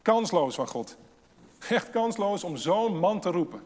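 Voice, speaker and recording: A man preaching a sermon with emphasis, asking rhetorical questions and swinging between loud and hushed delivery. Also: high-pitched, very animated, a little slow. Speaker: pastor. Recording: long hall reverb.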